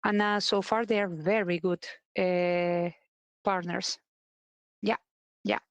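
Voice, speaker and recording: A woman's voice: lowish voice, takes it slowly, clear, resonant tone, no room sound, lo-fi sound. Spanish-accented woman, dry close voice. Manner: relaxed, searching for words, frequent "eh" fillers. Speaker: co-host. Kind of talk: live stream commentary.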